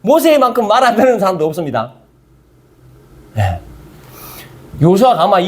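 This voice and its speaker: A male pastor delivers a conversational sermon and keeps asking the listeners questions. His voice sits high for a man. His pitch jumps around with lots of movement. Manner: conversational, animated, asks the congregation questions.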